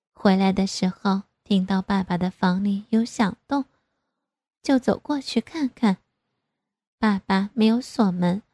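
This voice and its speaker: Slow, mellow woman narrator. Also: mid-range voice, dry recording, clean studio sound. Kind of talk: first-person story narration.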